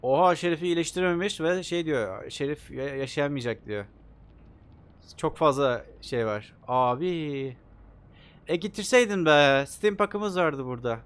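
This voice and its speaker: A young man playing a video game, commenting excitedly and joking as he talks to the characters on screen. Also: a little high, unhurried, smooth. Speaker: gaming YouTuber. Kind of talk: let's play commentary.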